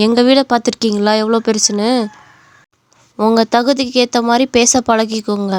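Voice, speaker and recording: A haughty young cartoon woman, as a woman voices her, proud and quick to look down on others. Her voice sits high and sounds close and dry. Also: no echo, lightly acted. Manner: scornful, dismissive. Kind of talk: animated story voice acting.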